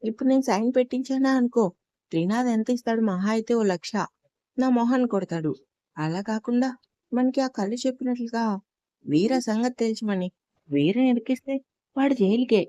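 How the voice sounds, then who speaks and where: Roni, a cocky swaggering henchman, sneering and threatening, close and dry, in a storybook reading, as a woman narrator puts him on. The voice sits fairly high with a mellow, warm tone. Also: lively intonation, brisk, dry recording, dull audio, close to an everyday voice. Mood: scheming. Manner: mocking, threatening. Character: cocky menacing male thug, swaggering henchman.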